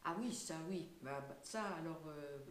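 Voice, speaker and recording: A woman's voice: deep voice, moderate pace, roomy sound, slight background noise. An older woman being interviewed, talking casually and hesitantly with many fillers and light laughs. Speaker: singer and voice actress, guest.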